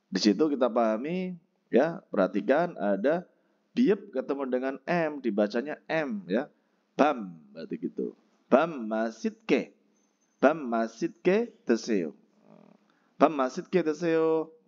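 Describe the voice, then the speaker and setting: A man teaching a Korean textbook lesson, explaining pronunciation and slowly repeating each word for practice. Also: medium pitch, darkish tone, highs cut off.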